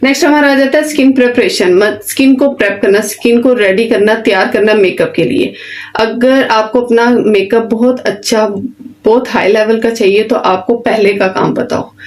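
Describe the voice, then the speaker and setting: A woman's voice: a little high, moderate pace. A woman teaching an online beautician course, giving plain, direct instructions and often checking in with "okay". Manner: repeats "ठीक है" often, plain simple explanations. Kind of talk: online class lecture.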